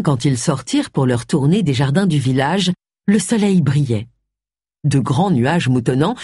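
Un narrateur lit un roman policier avec une narration expressive. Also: medium pitch, husky, dry recording, clean studio sound. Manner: expressive storytelling. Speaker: audiobook narrator. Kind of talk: scripted narration.

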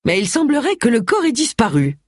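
A narrator voicing a sharp-tongued middle-aged woman amateur detective, sarcastic and cool, with a husky voice. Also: mid-range voice, wildly swooping pitch, fairly quick, no echo, clean studio sound, voice pushed up. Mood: dry, sardonic.

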